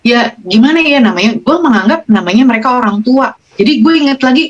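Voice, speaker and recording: Woman, casual podcast storytelling, animated and emotional, dull lo-fi sound. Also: a little high, fast talker, slight background noise. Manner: animated, emotional, quoting patients in dialogue. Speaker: guest.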